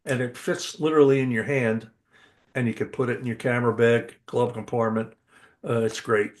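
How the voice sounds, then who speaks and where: An older man co-hosts a casual podcast at an even middle pitch. He talks with eager enthusiasm, stumbling over restarts and filler words as he goes. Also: normal speed. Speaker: podcast co-host.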